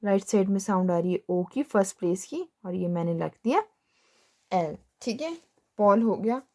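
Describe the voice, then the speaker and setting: A woman's voice: medium pitch, expressive, moderate pace, dark tone. A young woman teaching shorthand step by step, patiently asking questions and then answering them herself. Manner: patient, repeats "ठीक है" and asks herself questions. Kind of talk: step-by-step classroom explanation.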